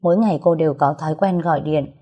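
A woman narrating a dramatic audio story in a steady, scripted way. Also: low-pitched, fast, muffled recording.

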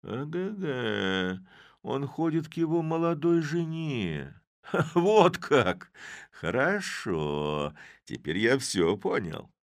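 A man's voice: medium pitch, big pitch swings, slow pace, no room sound, clean studio sound, pitched above the performer's own voice. A man voicing a sly, grumbling old Cossack man who mutters and scolds to himself in a storybook. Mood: musing.

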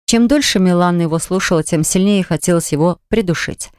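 A narrator reading a romance novel aloud in a lively, wry storytelling manner. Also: medium pitch, brisk, clear, resonant tone, no echo, studio quality. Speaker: audiobook narrator.

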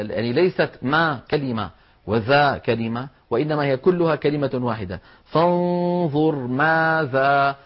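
A man's voice: mid-range voice, highs cut off. A man teaching a lesson on Quran recitation rules, explaining each point methodically and pronouncing the words aloud to demonstrate them.

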